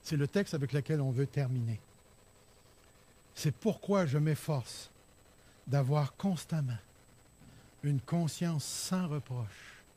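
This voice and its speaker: A man's voice: fairly high pitch, dark tone. A man with a Québécois accent preaching a sermon, telling a vivid story and putting rhetorical questions to the congregation. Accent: Québécois French. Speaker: pastor.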